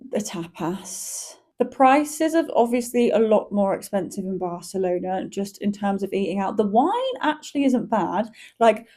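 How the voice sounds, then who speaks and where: A woman's voice: mid-range voice, animated, moderate pace, mellow. A young woman talking in a casual vlog, chatty and candid, with lots of fillers and the odd swear word. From Spain. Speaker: vlogger.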